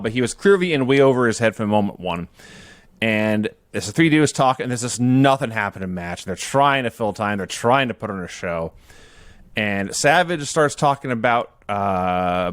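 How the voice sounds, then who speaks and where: Animated, self-mocking man telling a story. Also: mid-range voice, no room sound. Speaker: podcast host. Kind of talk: casual chat recapping old wrestling shows.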